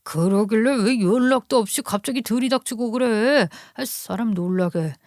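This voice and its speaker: A woman's voice: fairly high pitch, moderate pace, a little mellow, no room sound, studio quality, lightly acted. Sneering cheating husband, voiced by a woman. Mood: scornful. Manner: sneering, contemptuous. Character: cheating husband, middle-aged man, scornful and blaming.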